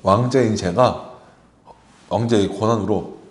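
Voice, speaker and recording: A calm young prince answers his friend in an easy, trusting way, as a man acts him out during a children's sermon. The voice drops a little lower and stays casual and reassuring. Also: a little slow, close to an everyday voice.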